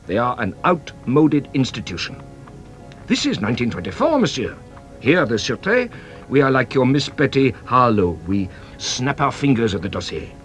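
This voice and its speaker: In a British radio drama, a male actor with a mid-range voice plays a shrewd, playful French police inspector, using a French accent and a teasing, theatrical delivery. He is very animated at normal speed with a slightly bright tone and a playful, mocking mood, and soft music plays in the background.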